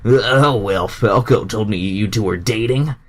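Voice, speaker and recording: A man's voice: fairly low pitch, a little slow. A man reading the part of a friendly, laid-back hedgehog hero in fan fiction, casual and slightly stammering.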